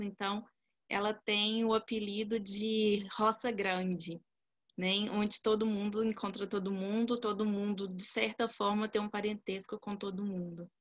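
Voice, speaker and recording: Woman from Belo Horizonte, Brazil, telling an unhurried, nostalgic story over a video call. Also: mid-range voice, a bit bright.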